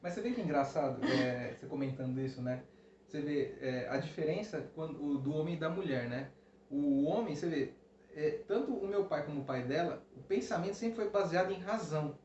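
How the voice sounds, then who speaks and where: A man casually telling a personal story to the camera, animated, with many restarts and "né?" tags. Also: fairly high pitch, fairly quick. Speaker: co-host, husband. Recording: roomy, dull lo-fi sound with faint hiss.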